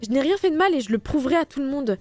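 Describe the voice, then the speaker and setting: A woman streamer reading a visual novel game aloud, voicing every character in turn with a lightly animated delivery. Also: high-pitched, very fast, no echo, faint music behind. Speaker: let's play streamer.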